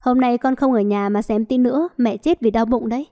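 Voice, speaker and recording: A grumpy old grandmother who nags and scolds her granddaughter in sharp bursts, put on by a woman reading a story. The voice sits fairly high yet sounds mellow and soft in tone. It is a storybook reading of a cantankerous elderly woman. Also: a little fast, lightly acted. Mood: grumbling.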